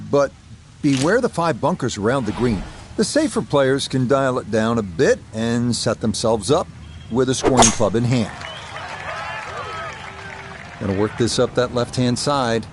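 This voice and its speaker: A man doing golf commentary as lead announcer, with a measured sportscaster delivery. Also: medium pitch, animated, soft background music, close to an everyday voice.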